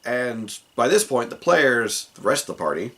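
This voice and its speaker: A man's voice: mid-range voice, very animated, normal speed, bright, forceful tone. A man recounting a tabletop game session as the dungeon master, rambling with many asides. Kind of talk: casual tabletop game recap.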